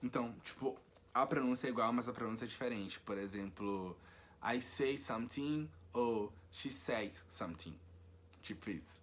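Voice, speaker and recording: A Brazilian man with a Brazilian Portuguese accent, casually explaining English mistakes step by step in a vlog, with many fillers. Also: mid-range voice. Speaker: vlogger teaching English.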